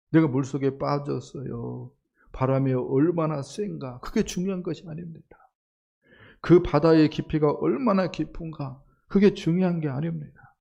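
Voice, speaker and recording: Male pastor preaching, slow, dark gravelly voice, dull lo-fi church stream. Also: on the high side. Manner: preaching with rhetorical questions to the congregation. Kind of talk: sermon.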